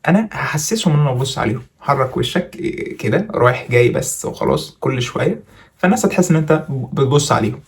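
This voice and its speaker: Egyptian male vlogger, middle pitch, rattles off tips at high speed with easy jokes. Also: big pitch swings. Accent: Egyptian Arabic. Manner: rapid, chatty, jokey coaching. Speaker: content creator giving presentation tips. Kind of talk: casual tutorial vlog.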